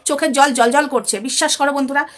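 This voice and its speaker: Fast, heated high-voiced woman vlogger. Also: steady tone. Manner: angry and scolding, addresses viewers as friends. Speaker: social media commentator. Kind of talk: heated commentary vlog.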